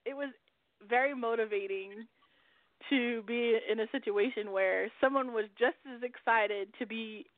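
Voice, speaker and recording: A woman's voice: a little high, measured pace, no echo. A woman hosting a radio show in casual chat, who swears freely and laughs often. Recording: dry, phone-like line.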